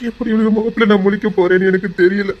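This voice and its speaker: In a melodramatic web series, an actor plays a guilt-ridden young husband with a Tirunelveli Tamil accent, urgently coaxing with a voice choked by remorse. His natural voice sits high and his delivery is flat and fast. The recording is muffled, with slight background noise, and the mood is anguished coaxing.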